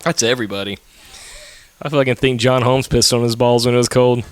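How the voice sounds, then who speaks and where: A man's voice: mid-range voice, steady tone, a little fast, clear, resonant tone. Joking, foul-mouthed man in his thirties. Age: 30s. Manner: joking, swears freely, playful teasing. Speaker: podcast co-host. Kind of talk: casual chat.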